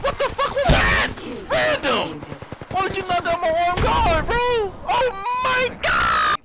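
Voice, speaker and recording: A man raging at a video game, shouting and cursing in frustration as he reacts to the action. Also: very high voice, wildly swooping pitch, moderate pace. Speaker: gamer. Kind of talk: gameplay reaction with profane outbursts. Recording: loud game gunfire over voice. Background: shooter game gunfire and effects.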